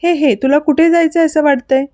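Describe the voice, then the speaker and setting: A short-tempered young man muttering gruff, irritated remarks, as a woman storyteller puts him on. The voice stays warm and fairly high, recorded close and dry. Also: expressive, moderate pace, dry recording, natural voice. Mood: annoyed shouting.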